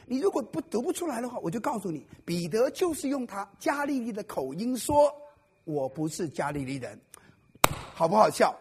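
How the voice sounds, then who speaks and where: Preaching before a congregation at a church service, this man speaks in a very high, darkish voice, very animated and fairly quick, with hardly any pauses. The pastor keeps things playful, joking and testing the audience with questions, while slight background noise hums along.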